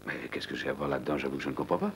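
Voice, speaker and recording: An actor dubbing a courteous, affable official in a TV film. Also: male voice, rumbling low, very fast. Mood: puzzled. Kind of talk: dubbed TV film drama dialogue. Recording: noisy dubbed film soundtrack.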